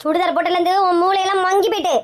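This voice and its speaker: A woman with a Kanyakumari Tamil accent playing a hot-tempered, balding middle-aged aunt who scolds and shouts insults in a slang comedy sketch. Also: extremely high pitch, steady tone, racing. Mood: furious.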